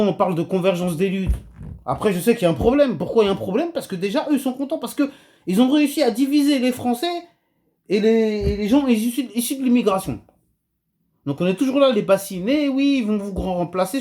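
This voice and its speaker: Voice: mid-range voice, warm tone. A video commentator delivering a heated rant to camera, agitated and emphatic, with many hesitations and restarts.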